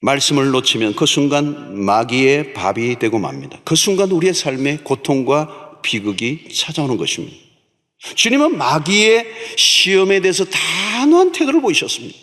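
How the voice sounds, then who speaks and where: Emphatic pastor preaching in a reverberant church hall. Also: male voice, fairly high pitch, sing-song, moderate pace, a bit bright. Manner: emphatic preaching, repeats key words for stress. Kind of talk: sermon. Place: large church sanctuary.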